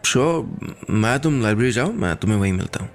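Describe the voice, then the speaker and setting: A man's voice: mid-range voice, lively intonation, fast, lightly acted. A man playing an earnest, thoughtful young male college teacher in a radio story.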